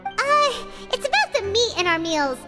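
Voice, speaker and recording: In anime-style video game voice acting, a tiny, excitable floating fairy-like girl companion who is always hungry speaks in a very high, squeaky voice at a moderate pace over loud music. Indignant and worried, she whines and exclaims while referring to herself in the third person.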